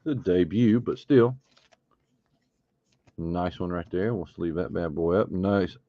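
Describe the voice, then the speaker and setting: A man with a very deep voice hosts a live trading card break, talking loosely as he sorts through packs. The sound is dry and close, with a slightly dull, lo-fi tone. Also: takes it slowly, no room sound. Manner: chatty, thinks aloud while opening card packs. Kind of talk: casual live stream chat.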